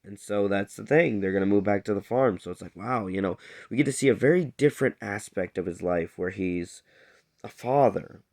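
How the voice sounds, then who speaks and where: Low-voiced man rambling through a recap. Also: moderate pace, a little mellow. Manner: rambling, lots of fillers, acts out characters' lines. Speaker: TV show reviewer. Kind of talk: casual episode recap.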